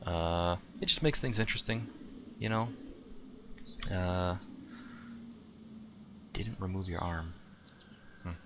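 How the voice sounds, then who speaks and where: A man's voice: low voice, slow, long pauses, background noise. A man hosting his own show, rambling casually and sarcastically, with lots of fillers. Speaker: podcast host. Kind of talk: casual opinion rant.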